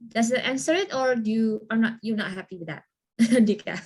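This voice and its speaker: Woman, trainer, slightly high-pitched, lively, encouraging, video call. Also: normal speed. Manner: lively, encouraging, asks listeners to confirm. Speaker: trainer answering questions. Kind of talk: online training talk and Q&A.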